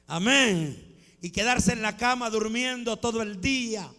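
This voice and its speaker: A male pastor preaching a sermon, rising to shouts and acting out quotes from his congregation and from scripture. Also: very high-pitched, unhurried, in a large hall. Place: church sanctuary.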